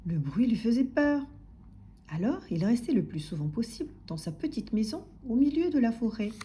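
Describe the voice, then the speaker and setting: A woman narrating a children's story aloud in an expressive, soft-spoken way, sometimes dropping to a whisper. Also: a little high, moderate pace.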